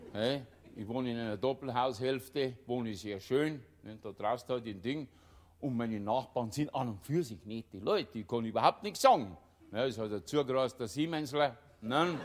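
A man's voice: medium pitch, a little hiss or hum. An older man with a Bavarian accent doing a satirical stage monologue, rambling and breaking himself off, tagging nearly every line with a little question. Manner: rambling, self-interrupting, tags lines with "ne?" and "gell?". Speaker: cabaret performer. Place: live stage before an audience.

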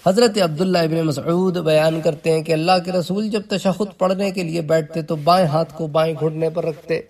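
Man, religious teacher, explanatory lecture, somewhat high voice, slightly distant mic. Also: steady tone, normal speed, darkish tone. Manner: explanatory, recounting traditions and adding asides to listeners.

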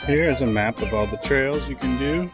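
A man's voice: medium pitch, moderate pace, over music. A man in his forties chatting casually as a travel vlogger, filming outdoors at a beach and in a car. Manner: chatty, joking tour-guide talk.

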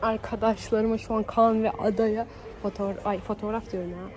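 A young woman vlogging on her phone outdoors and in a cafe, chatting casually and swinging between giddy teasing and low grumbling complaints. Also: little pitch movement, fairly quick. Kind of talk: casual vlog chat. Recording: loud background music. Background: music playing.

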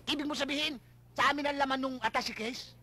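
A man playing a blustering male police chief in a slapstick comedy, shouting insults at his men. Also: very high-pitched, steady tone, brisk, a little hiss or hum.

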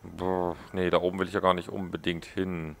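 Male let's play host, gravelly, cracks jokes at the game's characters. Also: low voice, flat delivery, brisk, fairly bright tone. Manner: joking, mocking game characters. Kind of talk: casual gameplay commentary.

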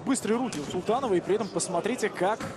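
A man's voice: high-pitched, racing. A man giving live analytical sports commentary as the second commentator at a fight. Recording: loud arena crowd behind.

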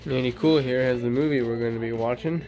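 A man's voice: mid-range voice, quick pace. Upbeat vlogger man in his twenties. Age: 20s. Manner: upbeat, rambling with many fillers. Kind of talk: casual vlog chat. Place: outdoors beside a house, and a kitchen. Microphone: handheld phone camera at arm's length. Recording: noisy outdoor phone recording.

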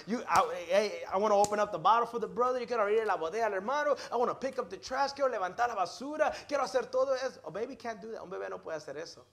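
A man with a very high voice preaches a sermon in a church service. He switches between English and Spanish line by line and calls his listener "hermano". His delivery is energetic, rising loud on key words and dropping to quiet asides. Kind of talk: bilingual sermon, preaching and translating himself.

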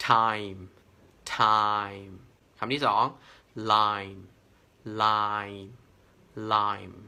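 A man teaching English pronunciation, his voice very bright and forceful. He stretches each model word out slowly and says it several times. Between the words he gives patient explanations. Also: medium pitch. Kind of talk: pronunciation lesson.

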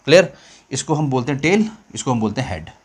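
A man's voice: mid-range voice, sing-song, fast talker, husky. A man teaching a basic physics lesson in a casual, chatty way, repeating points often and mixing English phrases into Hindi. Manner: chatty, repeats himself, mixes English phrases, calls viewers children.

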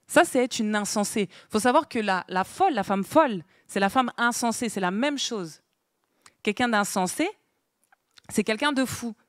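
A woman's voice: on the high side, expressive, normal speed, no echo, clean studio sound. A woman giving an interactive Bible lesson to a small group, asking them questions and writing on a board as she goes. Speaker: Bible teacher. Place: meeting room with a small group.

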